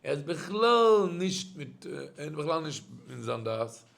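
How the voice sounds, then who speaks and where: With a Yiddish accent and a slightly high voice touched by vocal fry, a middle-aged rabbi narrates a story in his sermon at a normal speed. He tells it with animation, his pitch swinging sharply up and down.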